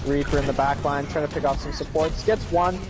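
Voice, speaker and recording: A man giving live play-by-play commentary on an esports match, with excited calls and joking asides. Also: on the high side, fairly quick, over music. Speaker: esports caster.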